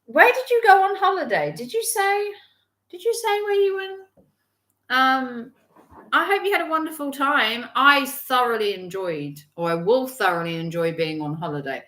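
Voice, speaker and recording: Bright-voiced chatty woman. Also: high voice, expressive, normal speed, roomy sound. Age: 40s. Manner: chatty, rambling, with frequent restarts and fillers. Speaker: livestream host. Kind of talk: casual live-stream chat reading viewer comments.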